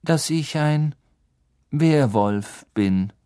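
A man voicing a calm, weary middle-aged teacher in a storybook reading, speaking gently and carefully. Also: fairly high pitch, extremely slow, clear, resonant tone, voice pushed up.

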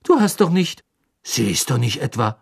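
A man's voice: mid-range voice, very animated, moderate pace, creaky, breathy edge, exaggerated voice. A man doing an astonished teenage boy.

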